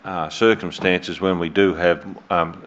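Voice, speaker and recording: The mayor, an Australian-accented man, runs a council chamber meeting in a low, steady, slightly bright voice. He proceeds in a measured, hesitant way with lots of fillers, and the recording is dull lo-fi room audio.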